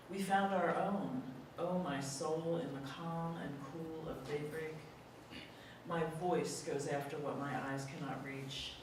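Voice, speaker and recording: Slow poetry reader in an echoey hall. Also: mid-range voice. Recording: echoey hall, mic far off, audible room noise.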